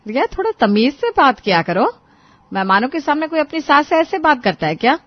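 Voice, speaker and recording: A woman's voice: medium pitch, lively intonation, normal speed, no echo, highs cut off, lightly acted. A woman voicing a strict, easily offended middle-aged mother-in-law with a scolding manner. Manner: scolding, stern.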